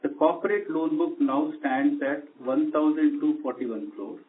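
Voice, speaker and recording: On a conference call, a company executive with an Indian accent formally reads a scripted corporate earnings presentation. His voice is a little high and his pace measured. The audio comes over a tinny, narrowband conference phone line.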